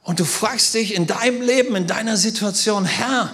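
A man preaching a sermon as a pastor, telling stories with animated, loud bursts. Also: sits high, a little fast.

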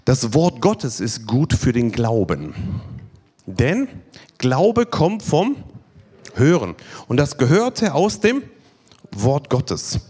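Male preacher, lively swinging delivery, emphatic repetition, numbered points. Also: mid-range voice, slow, long pauses, husky. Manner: emphatic, repeats key phrases, counts points. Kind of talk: sermon at a healing evening.

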